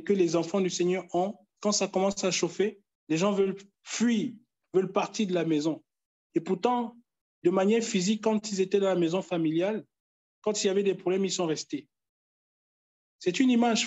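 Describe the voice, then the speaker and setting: A man preaching a sermon, pleading with his listeners and repeating phrases with emphatic pauses. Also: sits high, a little mellow.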